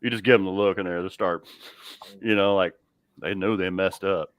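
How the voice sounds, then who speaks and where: A man's voice: deep voice, steady tone, normal speed, no room sound. A middle-aged man, hosting a casual live chat and telling laughing stories. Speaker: livestream host. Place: home garage.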